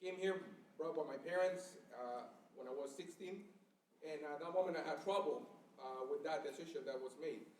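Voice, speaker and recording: A man from Honduras in the audience giving a halting personal testimony with many pauses. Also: on the high side. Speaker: audience member. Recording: roomy and distant, faint noise.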